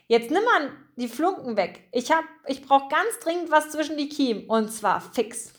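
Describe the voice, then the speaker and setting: A woman's voice: sits high, lively intonation, normal speed, pitched above the performer's own voice. A woman voicing a hungry, easygoing male mouse who talks in casual slang, for a storybook. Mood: boisterous. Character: hungry laid-back male brown mouse.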